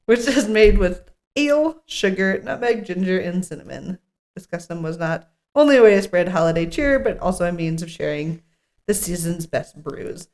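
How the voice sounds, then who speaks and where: A woman co-hosting a podcast reads a script aloud at a table read, slipping in casual, jokey asides. Her voice is fairly low and darkish in tone, animated, and at a normal speed.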